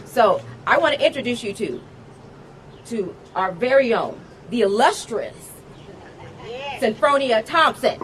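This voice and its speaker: Woman in slow, high-pitched rally speech. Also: sing-song, noisy background. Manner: emphatic, rhythmic, drawn-out phrasing. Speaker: speaker introducing a guest.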